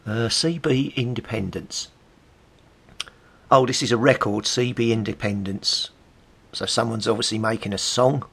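Leafing through old magazines, this middle-aged English vlogger and CB radio enthusiast reads passages aloud in a relaxed, chatty way, tossing in wry, amused remarks. His medium-pitched voice is gravelly, husky and a touch bright, and he speaks unhurriedly with frequent pauses.

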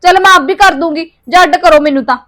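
An actress with a Punjabi accent playing a quarrelsome young wife in a joint family, snapping back sharply and demanding her share. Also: extremely high pitch. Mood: angry. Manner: sharp, quarrelsome, rapid retorts. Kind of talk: short film acting.

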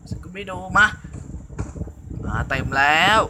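A man giving excitable gameplay commentary with frequent exclamations, as host of a gaming channel. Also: slow pace, very noisy.

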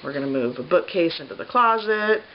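A pregnancy vlogger in her thirties chats to camera in her bedroom, rambling with many fillers in a lowish, expressive voice at a fairly quick pace. She sounds stuffy, scratchy and short of breath. A tripod camera at medium distance captures slightly dull home video with faint hiss.

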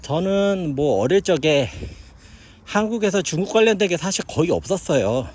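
Middle-aged Korean man, outdoor walking vlog, lively rising and falling speech. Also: sits high, moderate pace, slight background noise. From South Korea. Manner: chatty, musing aloud while hiking. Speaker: vlogger living in China. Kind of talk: casual walking commentary. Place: outdoors on a hillside park.

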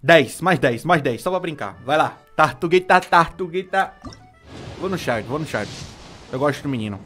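A young adult Brazilian man with a Brazilian Portuguese accent, excitably commenting on his own game pulls on a live stream, pleading and groaning at each result. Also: fairly high pitch, moderate pace, faint music behind. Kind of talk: live gacha-pull commentary.

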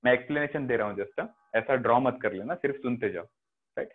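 Over a video call, a man with an Indian accent and a mid-range voice teaches an online biology class at a quick pace. He mixes Hindi and English and keeps checking that his students are following. The audio sounds phone-like, typical of an online class.

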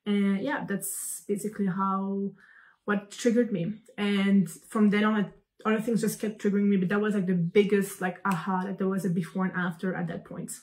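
A young woman from Belgium, a company founder answering interview questions over a video call, talking in an animated way with many fillers and restarts. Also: medium pitch, moderate pace. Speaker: guest, founder. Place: room at home.

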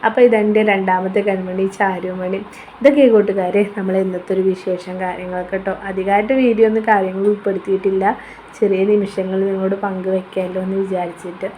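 A woman's voice: mid-range voice, little pitch movement, fast talker, slight background noise. A woman, chatting casually in her vlog and giving motherly advice. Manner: chatty, keeps adding a tag word, warm motherly advice. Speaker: vlogger.

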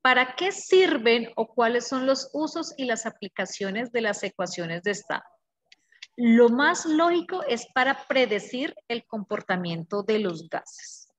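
A woman teaching a class in a fairly high voice, taking the explanation step by step. She repeats the key words for emphasis and keeps checking that her students are following along. Her voice sounds close and dry. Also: animated, a little slow, fairly bright tone, dry recording. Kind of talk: online class lecture.

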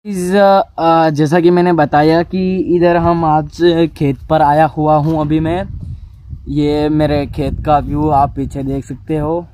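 A young man from Rajasthan, India, vlogs casually outdoors on his farm with a lapel mic, chatting warmly and asking a child questions. His voice is fairly high with little pitch movement, slow and warm in tone.

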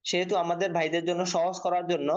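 A man's voice: high voice, little pitch movement, lo-fi sound. Patient man teaching letter drills. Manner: patient, repeats drills slowly. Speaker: Quran reading teacher. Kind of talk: online Arabic letter lesson.

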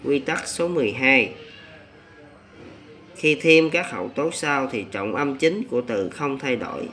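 A man teaching a pronunciation lesson, working through stress rules one by one. He speaks very slowly and reads each example word on its own, with a faint hum of noise behind him. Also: mid-range voice, animated, sharp tone. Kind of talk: explaining rules and reading out word lists.

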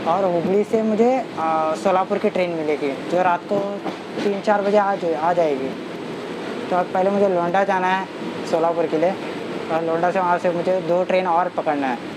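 A man's voice: high voice, fairly even intonation, normal speed. A young man talking in a casual travel vlog, explaining his route step by step, filming himself on a phone at arm's length inside a train coach. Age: young adult. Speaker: travel vlogger. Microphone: phone held at arm's length. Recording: train and station noise behind the voice.

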